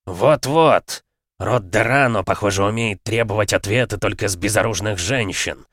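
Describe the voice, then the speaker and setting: A man's voice: lowish voice, normal speed, a bit bright, no echo. A man voicing a furious noblewoman, the bride's mother, speaking in a scornful, hissing way. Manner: hissing through teeth, scornful.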